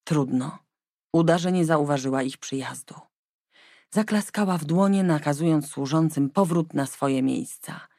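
A woman reading a novel aloud as an audiobook narrator in an even, measured way. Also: low voice, no room sound, studio quality. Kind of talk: scripted narration.

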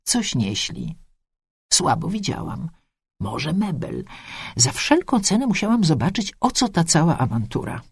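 A woman narrating a first-person story with a lively, expressive reading. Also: low voice, measured pace, gravelly, husky, no echo, clean studio sound.

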